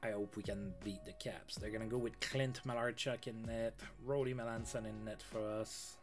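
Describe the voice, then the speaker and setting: With music in the background, a man with a fairly low, fairly even voice talks at normal speed. His casual let's-play stream of a sports management game has him reading game news aloud and adding offhand comments.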